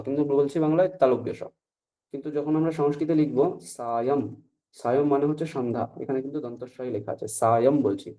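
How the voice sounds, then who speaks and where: A man's voice: a little high, warm tone. A male teacher giving an online Sanskrit class, explaining patiently step by step and often checking that students follow. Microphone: video call.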